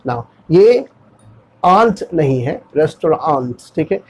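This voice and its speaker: Husky Indian man teaching pronunciation. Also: a little high, animated, darkish tone, lo-fi sound. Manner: slow, drawn-out model sentences between quick explanations; repeats words many times, says "theek hai" often. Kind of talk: classroom explanation in Hindi with English examples.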